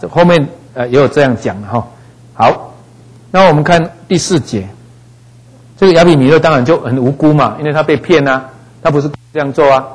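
A man teaching a Bible passage in a relaxed, conversational way, dropping frequent little fillers. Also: mid-range voice, husky, low-quality recording. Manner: conversational, frequent "哈" fillers, acts out voices in quotes.

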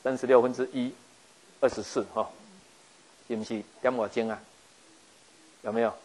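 A man's voice: mid-range voice, fairly even intonation, normal speed, a little mellow. Playful Taiwanese-accented male preacher. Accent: Taiwanese Mandarin. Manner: playful, chatty, jokes and acts out quotes. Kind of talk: lively sermon retelling Bible stories.

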